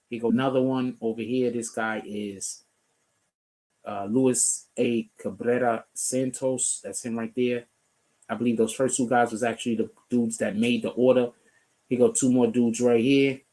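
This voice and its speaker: Streaming casually from the Bronx, this host clicks through web pages and comments on the news in loose, profane talk. He has a warm, medium-pitched voice, though the audio quality is poor.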